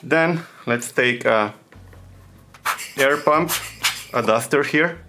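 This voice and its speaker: A man with a thick foreign accent, a non-native English speaker, narrating a hands-on tutorial in simple, halting phrases as he searches for words. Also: mid-range voice, noisy background. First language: not English. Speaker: repair tutorial host.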